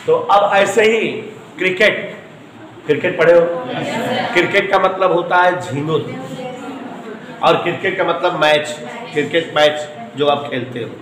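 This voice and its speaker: A man's voice: a little high, measured pace, long pauses, reverberant, crowd noise, rough recording. A man teaching a physics class, spelling out words letter by letter and asking his students questions as he goes. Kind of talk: classroom lecture.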